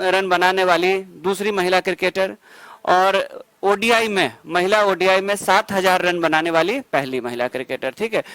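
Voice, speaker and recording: A male exam-prep teacher from India giving a rapid current-affairs revision lecture, quizzing students with quick questions, answering them himself and dropping jokey asides. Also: high-pitched, sharp tone, dry recording, rough recording. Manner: asides and jokes between facts.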